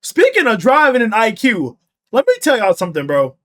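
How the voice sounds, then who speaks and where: A man streaming a casual reaction to a video, slangy and animated, swinging between incredulous shouts and muttered asides. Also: very high voice, brisk.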